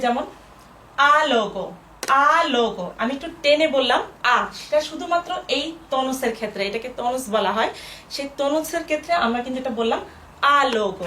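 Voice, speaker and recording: A woman teaching a language lesson at a board, spelling words out slowly syllable by syllable. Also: sits high, fairly bright tone, slight background noise. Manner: slow, syllable-by-syllable explaining. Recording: echoey room, voice from a distance.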